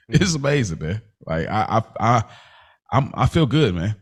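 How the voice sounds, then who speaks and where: Speaking unhurriedly in a fairly low, husky, sing-song voice, a man co-hosts a casual podcast conversation. His talk is slangy and emphatic, with phrases repeated to hammer points.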